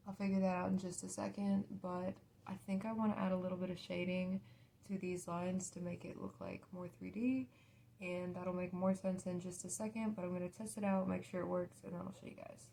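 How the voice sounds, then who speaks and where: A young woman with a lowish, gravelly fry walks through a makeup tutorial in a casual, unpolished way. Her intonation stays fairly flat, and she speaks with a mouth still healing after wisdom teeth removal. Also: brisk, a little hiss or hum. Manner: informal, apologetic, thinking aloud. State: mouth recovering from wisdom teeth removal a few days earlier.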